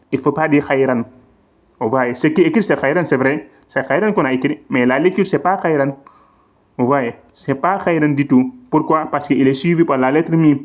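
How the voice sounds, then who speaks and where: A man teaching a lesson on Quran recitation rules, patiently repeating examples and drawing out the Arabic words. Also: medium pitch. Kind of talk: classroom-style lesson explaining tajwid rules. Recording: slightly dull, lo-fi sound.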